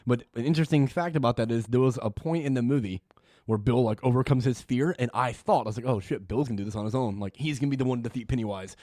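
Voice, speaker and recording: A man's voice: mid-range voice, fast, dark tone, no echo, clean studio sound. A young man co-hosting a podcast, talking in a frank, easygoing way and laughing often. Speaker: podcast co-host. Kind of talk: casual chat.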